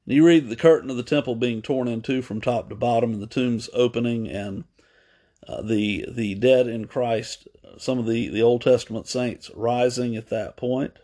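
A man preaching a sermon, retelling a story at an unhurried pace with pauses, fillers and small self-corrections. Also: medium pitch, steady tone, mellow.

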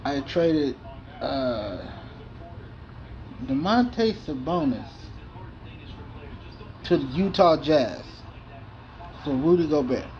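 A man's voice: on the high side, very animated, takes it slowly, long pauses, darkish tone, muffled recording, a little hiss or hum. A man talking through a basketball video game franchise in loose, profane, rambling chat. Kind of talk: casual gameplay commentary.

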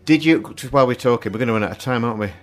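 A man's voice: mid-range voice, rapid-fire, soft background music. A man, co-hosting a radio show in casual, rambling chat. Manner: chatty, rambling storyteller. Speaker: radio co-host.

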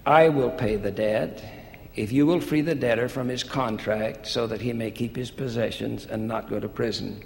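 Steady, generous mediator read by a man in a sermon; gravelly, hall echo. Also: medium pitch, normal speed, close to an everyday voice. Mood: assuring. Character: calm generous male friend who mediates. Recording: echoey hall with faint hiss.

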